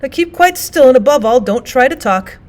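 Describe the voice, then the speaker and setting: A well-bred storybook gentleman out motoring, as a woman reader plays him. He is sympathetic and solicitous, with polite exclamations and a lightly raised pitch. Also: expressive, normal speed. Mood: reassuring.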